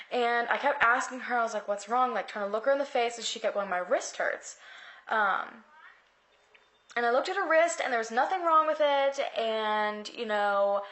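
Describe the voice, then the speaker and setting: Woman vlogger, somewhat high pitch; shaken, rambling home-video storyteller who leans on "like". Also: a bit bright, roomy sound. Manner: tense, rambling, heavy use of "like". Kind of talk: casual storytelling to camera.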